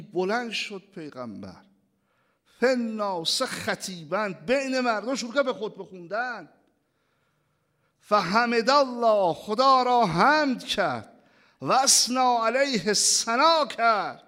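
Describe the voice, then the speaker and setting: A man delivering a sermon from the pulpit in a notably high voice. He recites Arabic phrases and translates each one, rising to loud declamation and then dropping to hushed whispers. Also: animated. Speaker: preacher.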